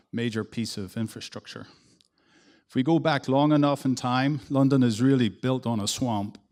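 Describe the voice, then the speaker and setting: An engineer with a Northern Irish accent and a fairly low voice gives a conference presentation in a hall. His delivery is relaxed and conversational, with a few restarts along the way.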